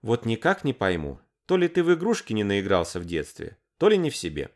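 A man voicing a weary, sharp-tongued young woman. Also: lowish voice, huge pitch swings, a little fast. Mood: weary, exasperated. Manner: tired and mocking.

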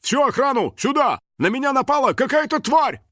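A man's voice: very high-pitched, big pitch swings, a little fast, sharp tone, dry recording, clean studio sound, pitched above the performer's own voice, full character voice. A man voicing a bossy male museum security guard who barks commands. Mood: shouting. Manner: barking commands.

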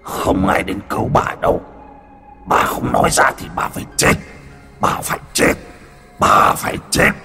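A man's voice: deep voice, very animated, unhurried, gravelly, long pauses, bright, forceful tone, faint music behind, full character voice. A man voicing a vengeful male ghost with fangs, hissing echoing threats in an audio horror story. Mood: menacing. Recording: long ghostly reverb.

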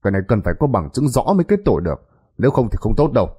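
A man's voice: mid-range voice, big pitch swings, rapid-fire, dark tone, husky. A man voicing a cautious, grieving middle-aged father who talks in a worried, questioning way.

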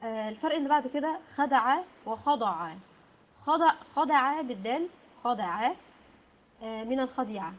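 An Egyptian woman giving a methodical Arabic lesson, explaining word pairs and often pausing on "aah". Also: fairly high pitch. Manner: methodical, with frequent "aah" fillers. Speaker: Arabic language teacher. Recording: dull lo-fi sound.

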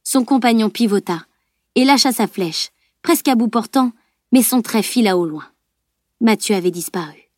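A woman narrating a novel aloud as an audiobook reader, in a measured storytelling tone. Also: on the high side, lively intonation, no echo, clean studio sound. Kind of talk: scripted narration.

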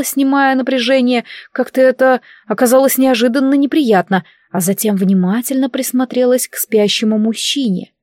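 A woman narrating a fantasy novel in first person, with an ironic, lively telling. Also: on the high side, dry recording, studio quality. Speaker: audiobook reader. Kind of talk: scripted narration.

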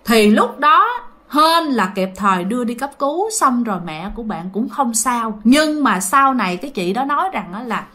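A Southern Vietnamese woman tells a story in a casual, chatty way. Her pitch sits a little high and moves a great deal, and she often backtracks to fix details and speaks right to her listeners. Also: expressive, moderate pace, bright, forceful tone. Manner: chatty, digressive, corrects herself, addresses listeners directly.

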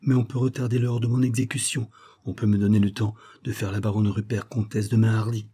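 A man reading the lines of a condemned count, calm, resigned and earnest. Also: fairly low pitch, a little fast, slightly rough. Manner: quiet, earnest.

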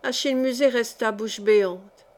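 A woman reading a historical novel aloud as an audiobook narrator, with even, clear storytelling. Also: on the high side, moderate pace. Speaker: audiobook reader.

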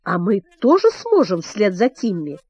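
Bold tomboy girl, impatient and urgent, in a storybook, voiced by a woman reader; lively delivery. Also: medium pitch, a little slow, husky, exaggerated voice.

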